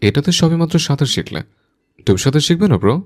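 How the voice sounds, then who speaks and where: Cast a man as a possessive young hothead, deep and fast-talking, all commands through gritted teeth. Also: darkish tone. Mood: menacing. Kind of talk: audio drama acting.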